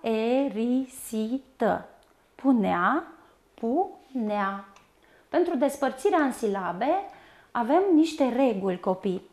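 A woman teaching a primary school lesson, speaking slowly and carefully and spelling words out syllable by syllable. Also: fairly high pitch, animated, darkish tone.

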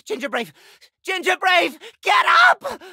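A fretful little wizard boy in a game. The voice is very high and piercing, often shouted, and drawn out. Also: slow, no echo, clean studio sound, heavily acted. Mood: urgent. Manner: shrill, exclamatory. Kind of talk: video game cutscene voice acting.

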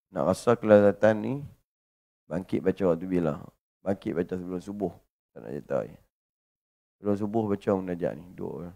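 A man with a Malaysian Malay accent, a religious teacher giving a lecture and chanting verses, swinging between loud fervent lines and hushed asides. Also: lowish voice.

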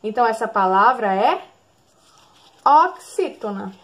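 High-voiced Brazilian teacher drawing out syllables. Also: female voice, lively intonation, moderate pace, fairly bright tone. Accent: Brazilian Portuguese. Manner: stretches out words and syllables, sing-song, asks the class questions. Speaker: primary school teacher. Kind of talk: recorded remote class for young children.

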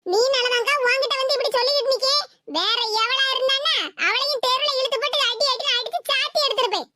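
A hot-tempered cartoon neighbour woman who lays down the law with sharp threats in Tirunelveli Tamil, as a voice actor plays her. Her voice is very high-pitched, and there is a constant layer of noise behind it. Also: fast talker, heavily acted. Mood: angry. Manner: scolding, threatening, loud. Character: angry, scolding middle-aged neighbour woman. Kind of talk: cartoon voice acting.

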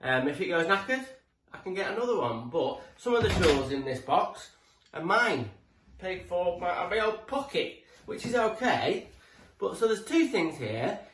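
A British tradesman in his forties gives informal, rambling tool tips to a camera a few feet away in his living room, chatty, matey and mildly sweary. His voice sits high, sing-song and fairly bright, at a moderate pace with few pauses. The room echoes, the mic is distant, and there is background noise.

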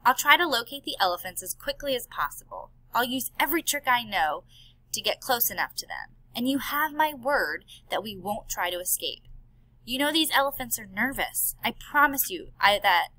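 A woman's voice: on the high side, animated, normal speed, pushed and bright, no room sound, low-quality recording. A woman voicing an earnest male elephant scientist and worried father in an audiobook. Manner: earnest, pleading.

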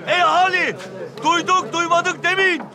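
High, mock-solemn town crier. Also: male voice, level tone, normal speed, crowd noise, background noise. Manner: declamatory, mock-solemn announcing. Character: teasing bearded Ottoman man playing mock town crier. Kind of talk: town-crier proclamation in period drama.

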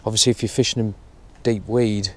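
A young man explaining his fishing setup in a relaxed, step-by-step way while outdoors at a lake. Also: lowish voice, a little fast. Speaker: fishing vlogger. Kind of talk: casual how-to narration. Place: outdoors at a lakeside bank.

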